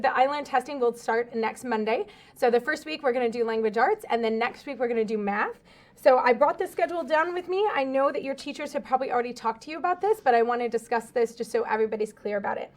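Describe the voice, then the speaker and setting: Higher-pitched woman explaining school announcements. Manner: explanatory, addressing students directly. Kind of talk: informal spoken school announcement.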